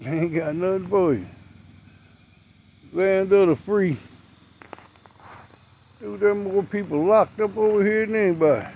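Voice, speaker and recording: A man's voice: high voice, unhurried, long pauses, darkish tone, highs cut off, a little hiss or hum. A man, ranting bluntly and profanely to camera outdoors as a vlogger. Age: 60s.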